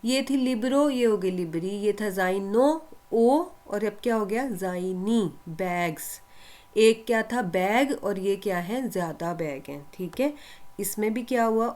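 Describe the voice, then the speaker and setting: A woman's voice: mid-range voice, unhurried, darkish tone. Patient woman teaching a language lesson. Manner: asks questions and answers them herself, repeats to drill; reassuring, encouraging.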